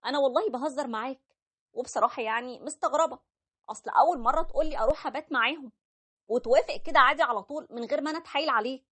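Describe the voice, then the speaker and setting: A woman's voice: sits high, racing, a bit bright. A woman voicing a loving, playful young wife with an Egyptian accent. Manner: playful and pleading. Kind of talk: animated story voice acting.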